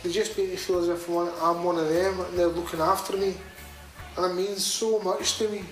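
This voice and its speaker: A Scottish restaurant owner being filmed for a documentary talks candidly and informally in a matey way, often repeating his phrases. His voice sits high with little pitch movement and a fairly quick pace. The rough location recording has clear background noise and faint music behind him.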